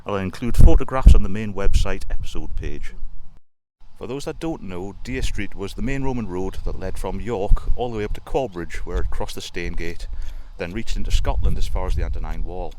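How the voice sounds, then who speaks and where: A man with a very low voice talks through local ghost stories and history in a relaxed, informative way, wandering off on the odd tangent. He is recorded on a handheld dictaphone out in an open field, with faint outdoor ambience behind him. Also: background noise. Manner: informative, chatty and prone to digressions. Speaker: podcast host.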